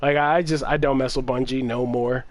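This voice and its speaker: A man's voice: mid-range voice, normal speed. Exasperated man ranting on a gaming stream. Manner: animated, exasperated ranting with frequent laughs and swearing. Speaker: gaming livestream host. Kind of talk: casual livestream rant.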